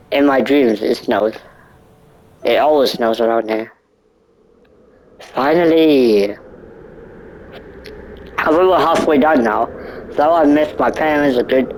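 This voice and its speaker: A man's voice: medium pitch, a little mellow, poor audio. A nineteen-year-old man reading a visual novel aloud, stumbling over words and breaking off for joking asides. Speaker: gaming YouTuber.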